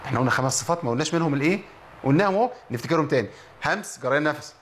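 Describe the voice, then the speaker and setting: A man's voice: a little high, lively intonation, a bit bright, slight background noise. Egyptian man teaching Quran recitation. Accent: Egyptian Arabic. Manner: explains quickly, then recites slowly to show errors. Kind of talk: tajweed lesson.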